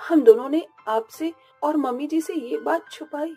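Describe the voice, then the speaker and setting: A man's voice: extremely high pitch, a little slow, faint music behind, voice pushed up. A man voicing a meek, tearful young bride in a spoken storybook. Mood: pleading. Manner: pleading, soft and submissive. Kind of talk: storybook narration with voices.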